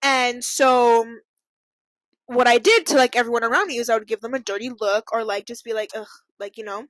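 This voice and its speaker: A woman's voice: on the high side, fairly even intonation, fairly quick, fairly bright tone, no room sound. A young woman co-hosting a podcast, telling a rambling story in casual chat, laughing often and filling her speech with "like". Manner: giggly, rambling storytelling full of fillers. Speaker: podcast co-host.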